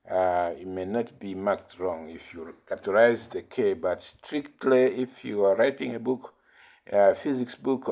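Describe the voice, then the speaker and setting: Guy teaching physics, low voice, really unhurried, says uh a lot and repeats stuff. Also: dark tone. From Malawi. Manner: slow, repeats key points with fillers. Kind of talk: recorded classroom lesson.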